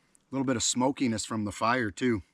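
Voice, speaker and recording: A man's voice: mid-range voice, steady tone, a little fast, fairly bright tone, no room sound. Enthusiastic man cooking outdoors. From Canada. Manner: enthusiastic, talks with mouth full while tasting. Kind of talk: casual outdoor cooking vlog. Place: outdoors at a campfire by a lake.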